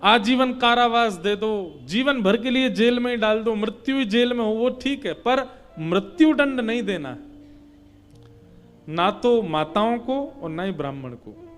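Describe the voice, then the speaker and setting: A male preacher with a notably high voice tells a devotional story sermon in an animated way, breaking into chanted scripture verses. Faint music plays softly underneath his narration. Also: unhurried.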